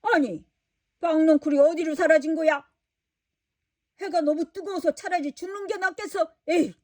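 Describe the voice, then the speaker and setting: A woman voicing a stubborn, quick-tempered prophet man who whines and complains in a storybook. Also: extremely high pitch, fairly even intonation, no room sound, clean studio sound, pitched above the performer's own voice. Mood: sulky. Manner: whiny, complaining.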